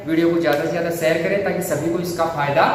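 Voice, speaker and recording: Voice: medium pitch, fairly even intonation, racing. A grammar teacher works through an exam-prep lecture, firing off rhetorical questions and answering them at once while stretching important words. The voice rings around a bare room with a long reverb tail. A faint hum of ambience sits underneath.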